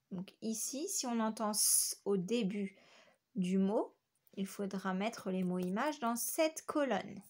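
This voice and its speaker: A schoolteacher with a slightly high voice gives young children a phonics lesson. She speaks clearly and repeats each word syllable by syllable.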